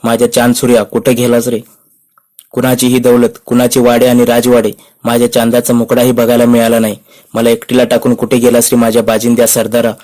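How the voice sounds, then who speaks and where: A man's voice: mid-range voice, completely flat delivery, moderate pace, a little mellow, close to an everyday voice. A man reading the lines of a grieving noble widow who turns stern and commanding, in a level voice with almost no rise and fall. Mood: wailing grief. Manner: lamenting, then stern and commanding.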